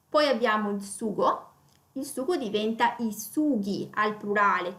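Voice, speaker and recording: A woman teaching an online grammar lesson, spelling out example words slowly and explaining rules with frequent fillers. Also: on the high side, a bit bright. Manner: slow, careful enunciation of example words. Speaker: Italian teacher.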